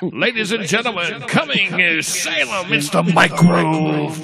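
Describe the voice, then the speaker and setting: A man doing a booming wrestling-announcer hype voice with a canyon echo effect on it. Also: measured pace, vocal fry, over a noisy crowd. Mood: hyped announcing. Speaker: radio show host. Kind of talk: mock wrestling promo.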